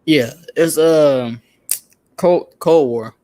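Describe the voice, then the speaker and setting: A man's voice: a little high, very slow, mellow. A man joining a livestream as a guest, chatting in a laid-back, slangy way and laughing often. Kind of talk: casual chat.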